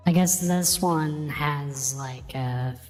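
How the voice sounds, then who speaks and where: Dude on a voice changer doing a morphing baby voice, slow and dark, with long hall echo. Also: male voice, on the high side, faint music behind. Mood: playful. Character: high childish voice from a voice changer. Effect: voice changer morphing his voice into female and baby presets.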